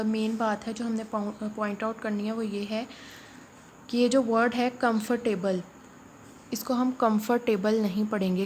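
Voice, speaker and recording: A woman, teaching English phrases in a spoken lesson and patiently repeating each one slowly. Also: mid-range voice, darkish tone. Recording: faint background noise.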